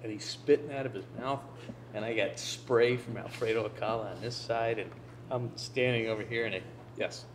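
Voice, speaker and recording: A man telling animated anecdotes on a panel at a live venue, acting out the people he quotes. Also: medium pitch, moderate pace, a little hiss or hum. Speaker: panelist, fantasy illustrator. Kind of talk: casual panel chat.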